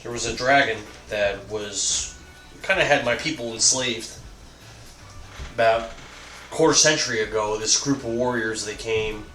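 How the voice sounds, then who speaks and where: A man's voice: mid-range voice, measured pace, sharp tone, recorded from a distance. Man playing a world-weary orc warrior, echoey room. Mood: earnest. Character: plain-spoken male orc warrior, world-weary gambler. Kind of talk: tabletop role-play. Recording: roomy, music behind.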